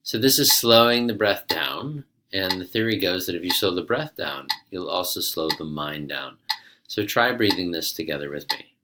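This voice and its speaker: A man giving methodical yoga breathing instruction as a teacher, explaining and guiding in a measured way. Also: deep voice, animated, noisy background. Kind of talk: instructional explanation with guided counting.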